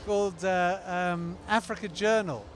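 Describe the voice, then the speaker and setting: A man with a fairly high voice talks on a live stream about an event he helps run. He speaks loosely and rambles, stopping often to find his words. He was recorded outside, with city traffic around. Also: fairly even intonation, a little slow. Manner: rambling, many fillers and restarts. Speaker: event organizer and former TV producer. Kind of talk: casual live stream chat.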